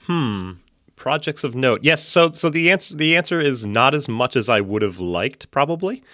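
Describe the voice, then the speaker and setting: A man from central Massachusetts, a podcast guest talking casually from his home basement, chatty and relaxed, with lots of fillers and restarts. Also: mid-range voice, normal speed, no room sound, studio quality. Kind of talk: casual interview chat.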